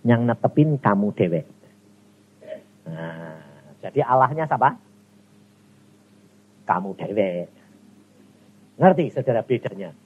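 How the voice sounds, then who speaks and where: This is a man preaching. His husky, raised voice climbs to sharp exclamations and drops to near murmurs as he questions his congregation. The recording sounds dull and lo-fi. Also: slow, pauses often. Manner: animated, swings between high exclaims and low murmurs, addresses congregation directly. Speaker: evangelist preacher. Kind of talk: sermon.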